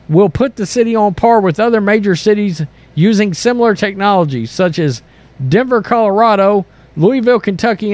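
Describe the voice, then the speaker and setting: With a high voice and no room sound, a man running an online commentary channel reads the news and reacts to it. His tone is blunt, sarcastic and exasperated as he blends reading aloud with opinionated political takes.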